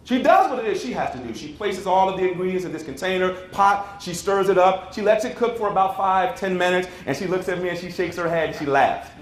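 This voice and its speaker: A man's voice: high-pitched, fairly quick, hardly any pauses. A man in his forties from Chicago, giving a motivational keynote in a conference hall, dramatic and acting out the voices. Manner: dramatic, acts out quotes, asks the audience. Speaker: keynote speaker. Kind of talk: motivational speech, storytelling. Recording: roomy hall with faint noise.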